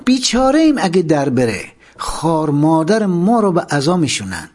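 Gruff grumbly prison guard done by a man reading a story, pitch jumping around a lot. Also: big pitch swings, darkish tone. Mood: grumbling. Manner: grumbling, scolding.

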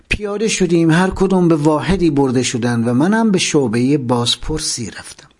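A man narrating a first-person memoir, expressive, letting his voice sink at the ends of sentences. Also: a little high, breathy edge.

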